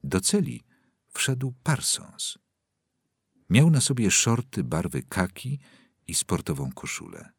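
A man narrates a novel for an audiobook in a husky, lowish voice. He reads very slowly and dramatically, with wide swings in pitch. The sound is dry and close. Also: no room sound. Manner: slow, very expressive, dramatic.

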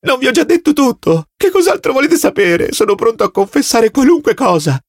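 Frantic male prisoner, shrill, pleading, cries out high, audiobook, dry close sound. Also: sing-song, fairly quick, no room sound, exaggerated voice. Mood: desperate pleading. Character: terrified starving male prisoner begging for mercy.

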